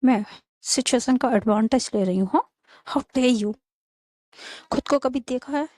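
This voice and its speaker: A woman's voice: high voice, measured pace, darkish tone, no echo, studio quality. A woman voicing a bold, self-assured young woman who talks back sharply, in an acted storytelling. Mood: indignant.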